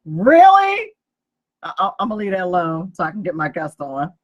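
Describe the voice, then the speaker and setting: A woman's voice: on the low side, fast, a bit bright, muffled recording. A woman hosting a business radio talk show, chatty and giggly as she introduces her guest. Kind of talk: casual radio chat.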